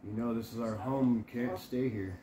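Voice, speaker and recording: A man in his forties co-hosting a paranormal video, talking casually and asking spirits short, unhurried questions. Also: mid-range voice, steady tone. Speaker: co-host of a paranormal investigation video. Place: living room at home, indoors. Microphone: camera a few feet away. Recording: roomy echo with loud noise. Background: loud noise from a spirit box session.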